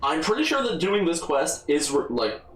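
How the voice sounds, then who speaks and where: A man's voice: fairly high pitch, big pitch swings, moderate pace, a bit bright, roomy sound, rough recording. Rambling man doing game commentary. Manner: rambling, self-correcting, wry. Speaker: let's play host. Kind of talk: casual gameplay commentary.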